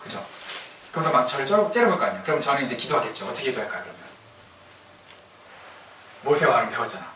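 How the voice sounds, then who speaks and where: A man's voice: medium pitch, very animated, fast talker, pauses often, sharp tone, roomy sound, distant mic, a little hiss or hum, poor audio. A male pastor giving a conversational sermon, often asking the congregation questions and acting out prayers. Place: church sanctuary.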